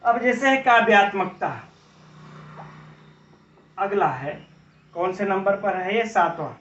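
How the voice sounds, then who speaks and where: A man teaching an exam-prep lecture, explaining with examples, posing rhetorical questions and often adding a quick "right?" tag. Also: sits high, fairly bright tone. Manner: frequent tag "है ना". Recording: roomy, distant, dull lo-fi audio.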